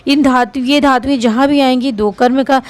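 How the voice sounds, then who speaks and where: A woman's voice: high-pitched, steady tone. A woman teaching a Sanskrit grammar lesson. She recites verb forms one at a time and explains them patiently. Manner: slow, drills word forms aloud one by one, asks "friends" questions.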